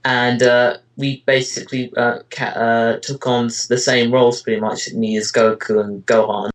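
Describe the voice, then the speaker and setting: Heard on a low-quality recording, this man speaks at a moderate pace with a medium pitch that barely moves. He's an amateur voice actor and web parody creator, chatting casually through interview questions in a hesitant, rambling way full of "you know" and "kind of."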